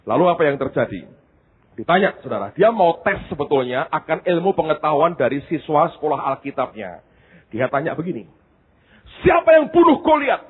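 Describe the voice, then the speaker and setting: Animated husky male pastor preaching. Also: a little high, fairly quick. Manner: animated storytelling, addresses the congregation. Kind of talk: sermon. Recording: tinny phone-like sound.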